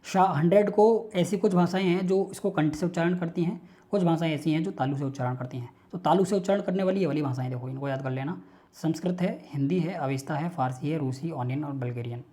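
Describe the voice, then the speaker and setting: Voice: mid-range voice, fast talker, mellow. A teacher giving an online class lecture, patiently repeating lists aloud in rhythmic drills and coaxing students to memorize them.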